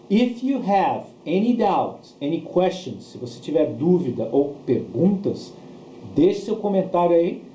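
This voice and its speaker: This English teacher, a man with a Brazilian accent, gives a bilingual grammar lesson in a didactic style, repeating points and asking brief questions to check understanding. His voice is mellow and on the high side. Faint noise sits under a dull, roomy recording.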